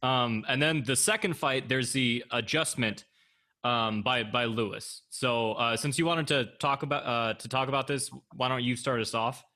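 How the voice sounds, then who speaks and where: A man co-hosting a podcast in relaxed casual chat, joking around and using slang. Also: mid-range voice, moderate pace. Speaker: podcast co-host.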